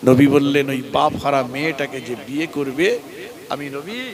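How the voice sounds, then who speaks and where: A man's voice: mid-range voice, normal speed, crowd noise, poor audio. A male preacher delivering a sung sermon at a gathering, with a chanting, melodic sing-song delivery and a Bengali accent.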